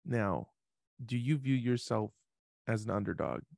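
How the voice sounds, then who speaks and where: A man hosting a casual interview, asking curious questions with halting restarts. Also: fairly low pitch, big pitch swings, creaky, darkish tone, no room sound, studio quality. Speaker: podcast host.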